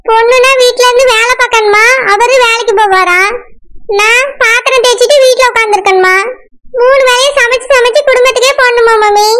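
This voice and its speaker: A woman's voice: very high voice, fairly bright tone, slight background noise. A woman voicing a spoiled, stubborn young married daughter in a cartoon, with a whiny, complaining manner and a Tirunelveli Tamil accent. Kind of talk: cartoon voice acting.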